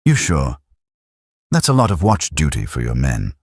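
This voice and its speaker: A man's voice: a bass voice, wildly swooping pitch, moderate pace, breathy edge, no echo, clean studio sound, exaggerated voice. A man voicing a tired, hesitant American lieutenant. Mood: weary. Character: weary male American lieutenant.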